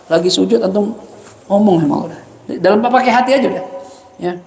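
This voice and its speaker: Chatty high-voiced preacher, echoey. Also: male voice, fast talker, creaky, a little mellow. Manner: joking, chatty, reads Arabic then explains it. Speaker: religious teacher. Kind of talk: mosque study lecture. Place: mosque hall. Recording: echoey mosque hall.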